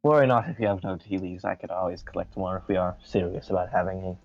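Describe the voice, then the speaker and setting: A man voicing a courteous, mysterious campfire stranger in a tabletop game, genteel and measured. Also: sits low, vocal fry, soft background music. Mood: genial. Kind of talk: tabletop role-play. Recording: dull lo-fi voice audio.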